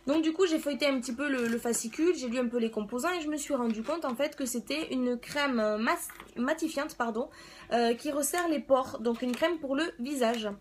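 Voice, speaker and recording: A woman's voice: sits high, brisk. A woman giving a casual product review as a beauty vlogger, chatting in a hesitant way as if thinking aloud.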